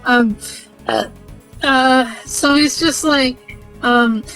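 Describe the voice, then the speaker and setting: A woman's voice: high voice, drawn-out words, a bit bright, soft background music, rough recording. Rambling, profane young woman streamer. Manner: profane, rambling, many fillers. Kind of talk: casual game recap.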